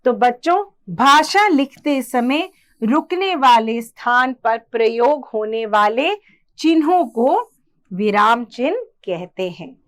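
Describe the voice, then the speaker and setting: A woman's voice: on the high side, a bit bright. A woman teaching a grammar lesson to children, patiently explaining with examples and asking questions of the class.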